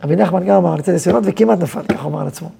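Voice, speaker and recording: A male rabbi lectures in a gravelly, dark voice, asking questions and answering them himself. The talk is lively and conversational, the way a yeshiva head teaches his students. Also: high-pitched, slight background noise.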